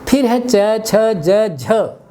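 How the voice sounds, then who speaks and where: A man teaches a webinar lesson on pronunciation, calling out each letter as he writes it. He speaks at an unhurried, deliberate pace with a dark, mellow tone. A faint hiss sits under his voice. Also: sits high, big pitch swings. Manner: spells out letters one by one while writing; deliberate, explanatory. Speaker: Hindi language teacher.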